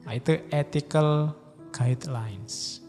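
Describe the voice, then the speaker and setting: A man with a Javanese accent giving a relaxed, conversational philosophy lecture, slowing down for emphasis. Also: on the high side. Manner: relaxed, conversational, with mock quotes and slow emphasis. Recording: hall reverb with faint music.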